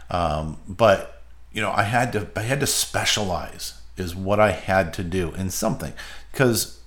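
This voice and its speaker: A man with a fairly low voice tells his own story on a podcast. He talks casually, with fillers and restarts, and pauses in the middle of thoughts. When he acts out his old arguments, his voice rises in outrage. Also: fairly bright tone. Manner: frequent fillers, restarts and shifts of pace. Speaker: podcast host.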